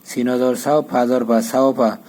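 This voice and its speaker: A man teaching how to read a Quran chapter, spelling out the Arabic letter by letter and then intoning each verse slowly. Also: mid-range voice, flat delivery, darkish tone, poor audio.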